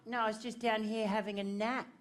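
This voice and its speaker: A woman's voice: on the high side, little pitch movement, brisk, a little hiss or hum. A woman voicing a comedy cartoon role with sarcastic, exasperated, sweary delivery.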